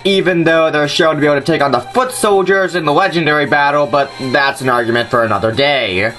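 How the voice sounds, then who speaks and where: A man's voice: fairly high pitch, fast, music in the background. A man hosting a scripted video commentary, arguing his points in an informal way. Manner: argumentative, informal. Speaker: host of a nitpicking response video.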